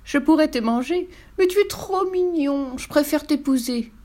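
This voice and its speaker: A woman's voice: high-pitched, animated, moderate pace, warm tone, voice pushed up. A woman playing a cooing lady yeti. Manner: cooing, drawn out. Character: flirty female yeti monster.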